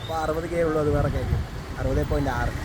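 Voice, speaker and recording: A man's voice: fairly high pitch, fairly even intonation, rapid-fire, very noisy. A man vlogging in a casual, joking way, teasing his friend and talking to viewers as guys. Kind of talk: casual vlog narration.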